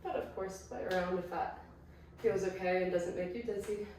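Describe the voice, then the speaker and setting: Croaky woman coaching exercise in an echoey room. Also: on the low side, fairly even intonation, normal speed, darkish tone, a little hiss or hum. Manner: chatty, encouraging, self-correcting. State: croaky from illness. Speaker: pilates instructor. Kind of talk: guided exercise class. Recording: very echoey room, distant mic, faint ambience.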